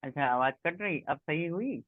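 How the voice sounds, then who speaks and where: A man's voice: fairly high pitch, lively intonation, moderate pace, dry recording. A male teacher giving an online class, his voice breaking up over a weak phone connection. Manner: explains step by step, checks in with students. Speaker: chemistry teacher. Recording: tinny, cutting-out phone audio.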